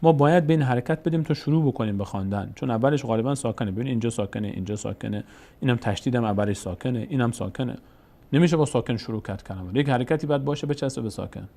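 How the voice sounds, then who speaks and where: A man teaching Quran reading step by step, patiently repeating each rule and slowly sounding out example words. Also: mid-range voice, creaky, mellow. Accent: Persian-speaking, Tajikistan channel. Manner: patient, repeats rules, addresses viewers as dear ones. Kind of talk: step-by-step recitation lesson.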